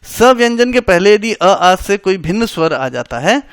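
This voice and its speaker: Male grammar tutor, patient step-by-step explainer, smooth clear voice, dry close sound. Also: high-pitched, big pitch swings, a little slow, no room sound. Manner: explains step by step, repeats rules, checks understanding; mixes English words into Hindi. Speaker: Hindi grammar teacher. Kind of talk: exam-prep grammar lesson.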